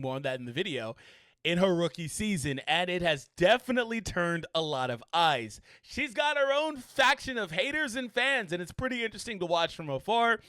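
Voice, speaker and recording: A man's voice: high-pitched, bright, forceful tone, dry recording. A man hosting a casual sports commentary vlog, chatty with wry asides to his viewers.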